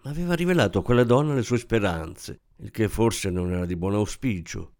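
A man narrating a novel aloud in an expressive storytelling manner. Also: on the low side, a little fast. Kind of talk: scripted audiobook narration.

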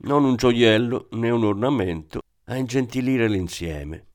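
A man giving steady, scripted audiobook narration. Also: medium pitch, a little slow.

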